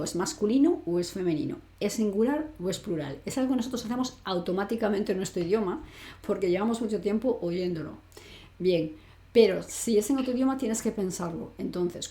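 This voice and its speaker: A woman's voice: fairly low pitch, mellow. A woman teaching French grammar online, explaining step by step and asking rhetorical questions she answers herself. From Spain. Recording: echoey room.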